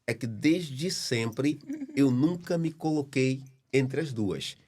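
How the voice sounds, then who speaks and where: A middle-aged man, a podcast guest, speaking in a measured, reflective way about being a father. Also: medium pitch, lively intonation, crowd noise. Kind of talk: casual podcast conversation.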